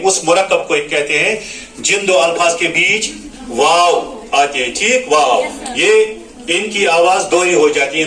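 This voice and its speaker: Echoey teacher explaining poetry pronunciation. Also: male voice, fairly high pitch, bright, forceful tone. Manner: explanatory, repeats "है ना" to check understanding. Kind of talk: classroom lesson on Urdu poetry recitation. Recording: echoey room, mic at a distance.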